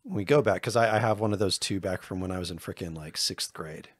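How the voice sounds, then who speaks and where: A podcast co-host with a deep voice talks fast in casual chat, loose and rambling, cracking self-deprecating jokes. The sound is clean studio audio with no echo.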